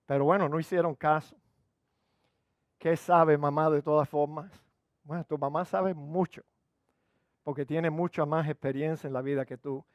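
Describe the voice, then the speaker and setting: An older male pastor delivers a sermon in a relaxed, storytelling manner full of humor. His voice sits fairly high, and he slips English phrases into his preaching. The sound is close and dry. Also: moderate pace, pauses often, no echo, lo-fi sound. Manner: humorous storytelling, conversational, code-switching into English. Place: church.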